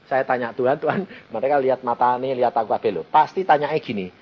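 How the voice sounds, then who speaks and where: A man's voice: medium pitch, quick pace. A man preaching a storytelling sermon, acting out the voices of people in his story. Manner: animated, acts out dialogue in the story. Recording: muffled lo-fi sermon recording.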